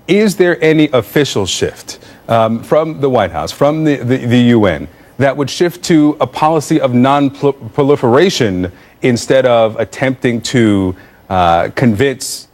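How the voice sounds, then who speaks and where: A man working as a news interviewer, putting questions live in a careful, halting way. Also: mid-range voice, animated, darkish tone.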